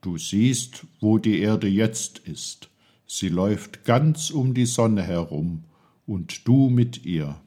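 A man's voice: fairly low pitch, lively intonation, slow, warm tone, husky, full character voice. A man voicing a kindly, playful guide who patiently explains things to a boy in a storybook reading.

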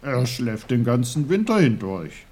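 A man voicing a stern but kind old uncle in a storybook reading, explaining things calmly and firmly. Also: medium pitch, unhurried, background noise. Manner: calm, firm, explaining.

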